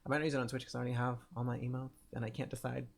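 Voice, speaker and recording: A man's voice: medium pitch, little pitch movement, rapid-fire, creaky. A man hosting a casual livestream, chatty and giggly, laughing often as he reacts to music videos. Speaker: livestream show host.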